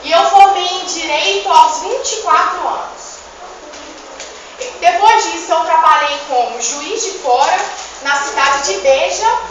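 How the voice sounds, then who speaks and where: A student in her young adult years portrays a vain, jesting eighteenth-century poet who has died, theatrically reproaching her classmates in a school presentation. Her very high, fairly bright voice moves at a measured pace, and the recording is distant, echoey, dull and noisy.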